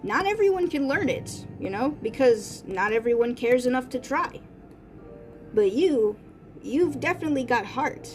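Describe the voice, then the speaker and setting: A woman's voice: high-pitched, lively intonation, moderate pace, a little mellow, faint music behind. A woman casually speaking the lines of an earnest young male ninja hero, in a chatty paraphrasing way.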